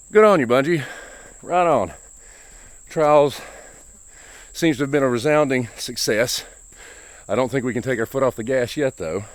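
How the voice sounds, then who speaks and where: A man with a fairly low voice rambles through his opinions while out walking, a little out of breath. The sound is dry and close, with crickets chirping behind him outdoors. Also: dry recording. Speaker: gaming vlogger. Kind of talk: casual vlog monologue while walking. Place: outdoors on a walk, rural.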